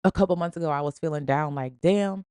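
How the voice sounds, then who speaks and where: A woman's voice: sits low, steady tone, very fast, a little mellow, smooth, no echo, clean studio sound. A woman hosting a podcast, giving an emphatic, slangy, preachy motivational talk in a casual style. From Springfield. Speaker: podcast host.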